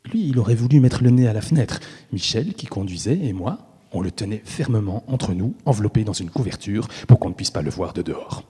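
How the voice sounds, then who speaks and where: A man giving an intimate, expressive first-person literary reading, with long reverb on the voice. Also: lowish voice, brisk, slightly rough. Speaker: reader.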